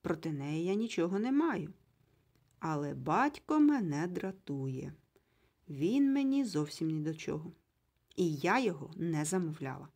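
A blunt, short-tempered storybook mother who snaps her words out, as a woman reader puts her on. Husky and loud at times, with a lively, cutting swing in the voice. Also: sits low, a little slow, full character voice. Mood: grudging. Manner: curt, snapping. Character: blunt irritable middle-aged mother, sharp-tongued.

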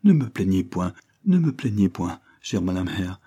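A man's voice: low-pitched, very animated, moderate pace, warm tone, husky, full character voice. A man reading aloud and voicing a noble young woman worn down by grief, sorrowful and bitter. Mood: grieving.

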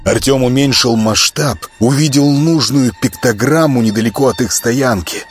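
A man reading an audiobook in measured scripted narration. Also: medium pitch, faint music behind.

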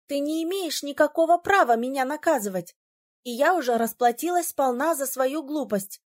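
Woman reading quick-tempered young heroine, snappy, goes higher and louder. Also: lively intonation. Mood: indignant. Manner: sharp, indignant, higher and louder. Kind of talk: audiobook reading.

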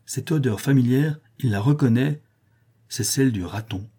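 A male narrator reads an adventure novel aloud in a steady, expressive manner. His voice is mellow and dark with a husky edge. He sits at an ordinary middle pitch. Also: normal speed. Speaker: audiobook narrator.

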